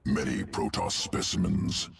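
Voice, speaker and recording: An extremely low, gravelly, sing-song voice marks this man's exaggerated take on a cold, clinical alien insectoid geneticist for a video game. Speaking in a deliberate guttural growl with clipped, telegraphic, article-free phrases, he's recorded from a distance amid heavy noise.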